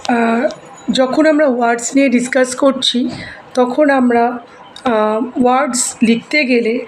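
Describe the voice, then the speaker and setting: A woman teacher explaining a lesson slowly and carefully, mixing in English words and sounding them out. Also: high-pitched, a little hiss or hum, poor audio.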